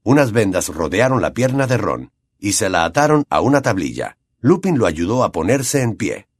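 A man with a Latin American Spanish accent giving a dramatic, expressive audiobook reading. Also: fairly low pitch, normal speed, dry recording, studio quality. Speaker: audiobook narrator. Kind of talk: scripted audiobook narration.

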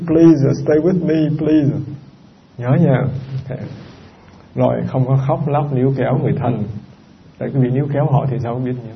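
Gravelly-voiced monk preaching. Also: male voice, medium pitch, a little hiss or hum. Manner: conversational, often quizzes the listeners, repeats points. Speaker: Buddhist monk teacher. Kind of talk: Dharma talk to a live audience. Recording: dull lo-fi recording with faint background ambience.

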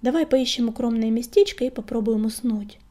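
A woman voicing a young ginger male warrior cat, a calm, thoughtful leader, in whispered role-play. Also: fairly high pitch, fairly quick, natural voice.

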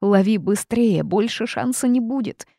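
A woman's voice: low-pitched, expressive, vocal fry, warm tone, dry recording, studio quality, heavily acted. Woman voicing a grumbling melodramatic phoenix. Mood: shouting. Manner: grumbling, wailing, drawn-out complaints. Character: grumpy male phoenix, theatrical and rude. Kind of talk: audiobook character voice.

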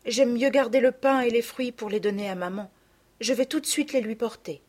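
A woman's voice: fairly high pitch, moderate pace, darkish tone, pitched above the performer's own voice, natural voice. A woman voicing a poor, frail little girl who speaks meekly and politely in a storybook reading. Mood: meek, pleading. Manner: meek and polite.

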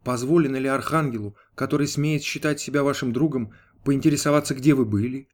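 A man's voice: mid-range voice, steady tone, a little fast, close to an everyday voice. A man reading an audiobook, voicing a dutiful male archangel who answers politely and with restraint. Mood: deferential. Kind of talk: audiobook character voice.

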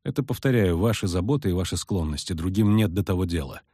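A man's voice: sits low, animated, fast talker, mellow, slightly rough, no room sound, studio quality, voice pushed down. A man voicing a stern male gang leader who speaks seriously and at length. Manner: serious, lecturing.

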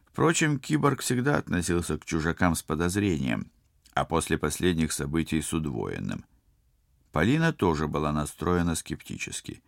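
A man reading an audiobook as narrator, steady and even. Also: extremely low pitch, normal speed, gravelly, no echo, studio quality. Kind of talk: scripted narration.

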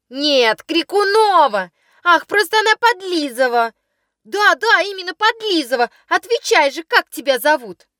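A woman's voice: very high voice, a bit bright, dry recording, clean studio sound, pitched above the performer's own voice, heavily acted. A woman playing a mocking, singsong schoolgirl. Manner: taunting, singsong.

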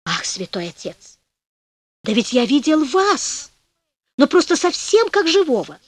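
A woman voicing a sly, flattering peasant rogue who talks in a falsely humble, sing-song way in a storybook. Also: high voice, a little slow, dry recording. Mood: wheedling.

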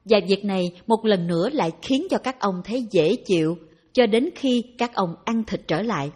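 A woman reading a dharma talk aloud in a calm, even narration. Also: mid-range voice, normal speed, husky. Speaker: reader of dharma talks.

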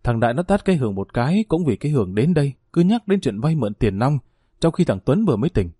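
A man's voice: medium pitch, sing-song, fast talker, mellow, husky, no room sound, clean studio sound. A man voicing a middle-aged mother who reproaches her in-law in a spoken family drama. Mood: reproachful. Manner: earnest, reproachful.

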